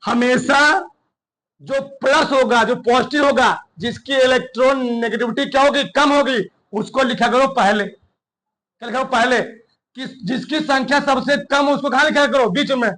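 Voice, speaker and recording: A man teaching a chemistry class, quizzing students with constant call-and-response questions and dictating notes slowly. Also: very high-pitched, bright, forceful tone, poor audio. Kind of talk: classroom lecture.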